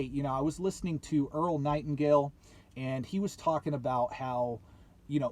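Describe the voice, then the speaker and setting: In a motivational vlog, a man in his late twenties addresses viewers emphatically, circling back to his points and asking rhetorical questions. He hosts a YouTube channel and has a medium-pitched voice with a darkish tone.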